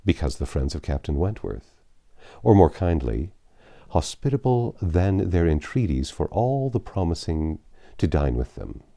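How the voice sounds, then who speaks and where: With a deep, gravelly voice, a male audiobook narrator reads classic literary fiction aloud in a measured, expressive storytelling style.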